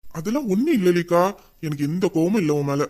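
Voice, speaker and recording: A man's voice: high-pitched, sing-song, quick pace, mellow. A man voicing a young man in an audio drama who patiently comforts and reassures his tearful best friend. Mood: soothing. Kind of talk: emotional audio drama acting.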